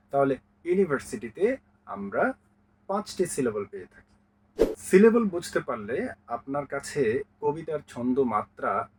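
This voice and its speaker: A man teaching a grammar lesson, counting out syllables one by one in a slow, clear way. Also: medium pitch, slight background noise, poor audio.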